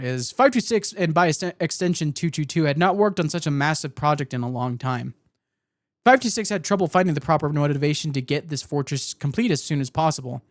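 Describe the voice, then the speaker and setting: A man's voice: on the high side, no room sound, studio quality. A man telling lore as a streamer, with casual asides and a hesitant, self-correcting delivery. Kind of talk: live storytelling with casual asides.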